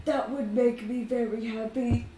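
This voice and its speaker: A woman voicing a besotted, gullible old widowed gentleman with a drawn-out, sweet-talking delivery in a tabletop role-play. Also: fairly high pitch, steady tone, pitched below the performer's own voice, natural voice. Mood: flirtatious, charmed. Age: older. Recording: echoey room, distant mic, noisy.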